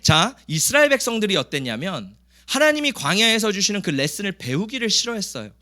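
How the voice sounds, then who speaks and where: A man's voice: high voice, big pitch swings, fairly quick, sharp tone. A male pastor preaching a sermon, emphatic and questioning, acting out the grumbling Israelites in a raised voice. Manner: emphatic, asks the congregation questions; acts out the grumbling people in a raised voice.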